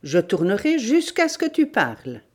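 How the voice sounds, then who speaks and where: A woman's voice: fairly low pitch, sing-song, unhurried. A woman doing a raging brutal bandit. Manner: shouting, threatening.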